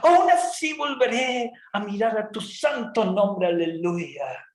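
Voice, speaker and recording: A man voicing the prophet Jonah as a whiny, self-righteous adult man, complaining loudly. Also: lively intonation, slow pace, reverberant. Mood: pompous prayer. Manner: indignant, whining, high and loud.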